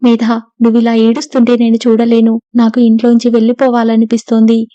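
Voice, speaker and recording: A tender young husband in an audiobook, gentle and pleading, as a woman narrator puts him on. The tone is mellow and flat. The sound is dry and a little lo-fi. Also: fairly high pitch, fairly quick, no room sound, natural voice. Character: anxious young husband, tender and guilt-ridden. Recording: dull lo-fi dry recording.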